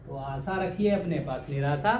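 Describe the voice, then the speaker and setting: A man's voice: fairly high pitch, moderate pace, a little mellow, echoey room, slight background noise. A man teaching a grammar lesson for exam preparation. He keeps asking questions and repeating the answers, with homely jokes along the way. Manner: joking, homely teacher talk.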